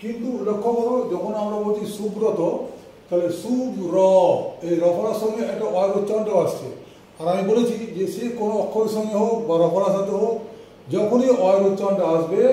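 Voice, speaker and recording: A high-voiced man teaches a class at the board, taking it slowly and patiently and often checking that students follow. His voice is mellow, and it sounds distant in a very echoey room with a faint hiss behind it. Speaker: English teacher.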